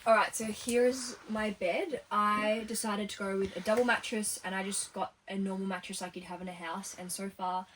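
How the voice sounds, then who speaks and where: A young woman in her early twenties gives a casual tour of her converted bus, chatty and quick to laugh. Her voice sits at a medium pitch. She is recorded by a camera some distance away, with clear noise behind her. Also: steady tone. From Australia. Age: early 20s. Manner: chatty, laughs often, recommends things. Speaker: vlogger giving a bus tour. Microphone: camera held by her sister.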